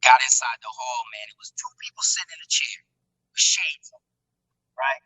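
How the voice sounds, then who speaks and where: A man's voice: mid-range voice, normal speed, vocal fry, no echo, low-quality recording. A man being interviewed about his singing career, telling stories casually with slang and acting out quotes. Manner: animated storyteller using slang, acts out quotes. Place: studio-style phone or video call.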